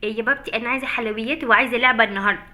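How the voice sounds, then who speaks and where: A spoiled little Egyptian girl, voiced by a woman, whiny and pleading in a cartoon family skit. Her high, bright voice races along very fast. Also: fairly even intonation. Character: spoiled chatty little girl who begs for sweets.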